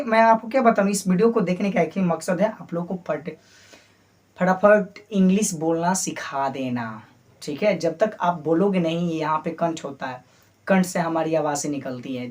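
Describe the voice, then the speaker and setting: A man's voice: high voice, a little mellow. Man, English teacher, spoken English lesson, repetitive drilling, call-and-response, rhetorical questions. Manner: drills letters by repeating them, call-and-response; firm, coaxing classroom tone with rhetorical questions.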